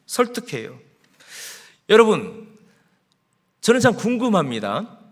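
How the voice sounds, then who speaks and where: A man's voice: fairly high pitch, a bit bright. A male pastor preaching a sermon, telling a story with rising and falling emphasis. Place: church sanctuary.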